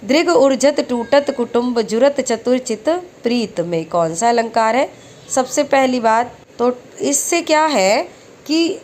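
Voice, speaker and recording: A woman teaching exam-prep lessons who recites verse slowly and then explains each question step by step. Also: high-pitched, darkish tone, slight background noise.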